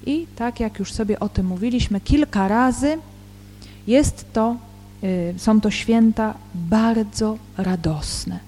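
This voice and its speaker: Slow woman bible teacher reading verses, mellow voice, faint music in the back. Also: on the high side. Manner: measured, deliberate reading with hesitant fillers when explaining. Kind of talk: slow scripture reading and explanation. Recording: long reverb with faint background music.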